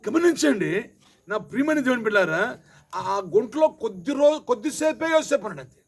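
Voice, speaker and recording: A man preaching a sermon as pastor, repeating his lines and calling on the congregation to answer loudly. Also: extremely high pitch, expressive, brisk. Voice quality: calls for loud amens and repeats. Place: church hall with congregation. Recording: loud congregation noise. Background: congregation responding.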